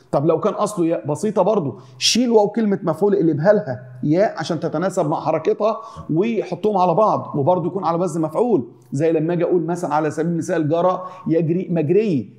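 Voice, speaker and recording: An Arabic teacher with an Egyptian accent rapidly explains grammar to his class in a warm, mellow voice that sits a little higher than most men's. He keeps returning to the same examples and chants them in rhythmic lists.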